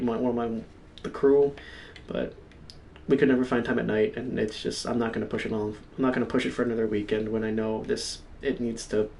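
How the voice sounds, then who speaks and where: Rambling, swearing gaming host, a bit off-mic. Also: male voice, medium pitch, recorded from a distance, a little hiss or hum. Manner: rambling, halting, heavy swearing. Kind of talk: casual solo storytelling stream.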